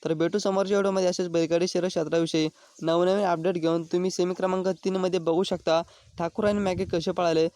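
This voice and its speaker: A man's voice: sits high, level tone, quick pace, darkish tone, dry recording. A man hosting a channel, reading scripted race news and often addressing his viewers directly. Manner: repeatedly addresses viewers as friends. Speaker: channel host.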